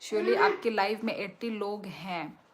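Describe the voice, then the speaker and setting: Woman livestream host, strong loud voice, slow and chatty, middle pitch, phone mic. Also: a little hiss or hum. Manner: chatty, thanks viewers and asks for likes. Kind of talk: casual livestream chat reading viewer comments.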